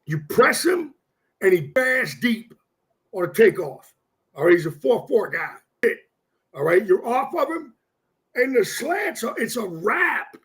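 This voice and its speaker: A man co-hosting a football talk show, excitable and profane, often repeating himself as he makes his points. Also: high voice, measured pace. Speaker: sports show co-host.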